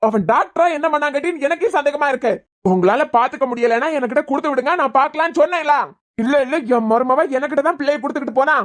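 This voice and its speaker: A fast-talking, high-voiced angry young doctor in a cartoon serial, as a woman acts him out, with a Kanyakumari Tamil accent. He scolds and lays down demands in a quick, sharp rush. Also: lightly acted. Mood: scolding.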